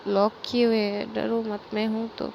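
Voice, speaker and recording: A woman voicing a protective, caring young woman who speaks softly and reassuringly. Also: fairly high pitch, completely flat delivery, moderate pace, creaky, lo-fi sound, a little hiss or hum.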